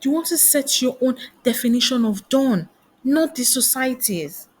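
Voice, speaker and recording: Brief: woman career coach, husky and fairly high voice, preachy rhetorical teaching. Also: lively intonation, normal speed, darkish tone. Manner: asks many rhetorical questions. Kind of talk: motivational teaching talk.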